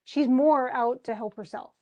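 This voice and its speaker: A woman teaching a play, retelling its scenes in a lively way and acting out the characters' quoted lines as she goes. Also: high voice, unhurried, muffled recording. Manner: animated, acts out quoted lines. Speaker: literature teacher.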